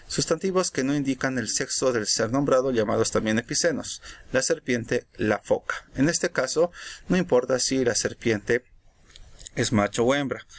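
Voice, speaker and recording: A man teaching a recorded grammar lesson, explaining in a measured way and checking in with short questions. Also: mid-range voice.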